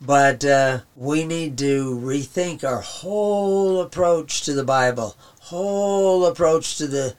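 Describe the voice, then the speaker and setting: A man preaching in a rambling, conversational way with chuckles, his voice going hoarse. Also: on the high side, takes it slowly, few pauses. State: losing his voice. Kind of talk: radio sermon talk.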